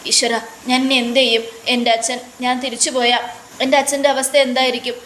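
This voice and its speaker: Woman voicing a tearful young wife, begging and sad, kinda high pitched, soft hiss behind. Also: little pitch movement, quick pace, lightly acted. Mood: pleading. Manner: pleading, sobbing speech.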